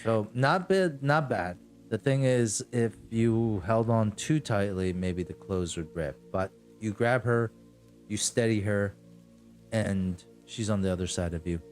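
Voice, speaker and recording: A man with a fairly low voice narrates a tabletop game as game master. His storytelling is conversational and improvised, over faint music. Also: measured pace, darkish tone.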